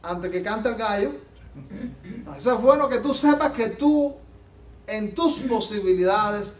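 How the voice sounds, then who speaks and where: High-voiced fervent male preacher, echoey hall. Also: animated, a little slow, recorded from a distance. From Latin America. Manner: fervent, rising to emphatic peaks and dropping low. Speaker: pastor. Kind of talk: sermon. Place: church sanctuary. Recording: echoey church hall, off-mic.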